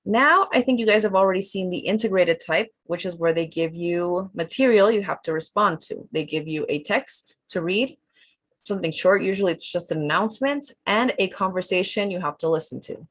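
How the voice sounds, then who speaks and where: Woman teacher, low voice, dry close sound, casual bilingual online class. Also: fairly quick, dry recording. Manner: relaxed, chatty, switches between English and Spanish. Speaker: English test-prep teacher. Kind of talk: online class instruction, mixing English and Spanish. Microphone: video call.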